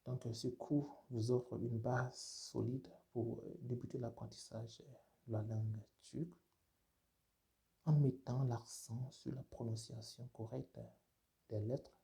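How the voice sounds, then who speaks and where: Homme lent, voix très sombre, professeur. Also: male voice, mid-range voice, fairly even intonation, slow, gravelly, dark tone. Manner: repeats sounds for learners to echo, many "euh" fillers. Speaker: language teacher. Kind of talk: slow spoken language lesson.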